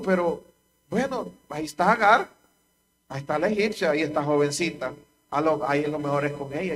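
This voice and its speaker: A man's voice: high-pitched, fairly bright tone, slight background noise. A man with a Honduran accent preaching a sermon to a church congregation, repeating key lines with emphasis. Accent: Honduran Spanish. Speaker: pastor.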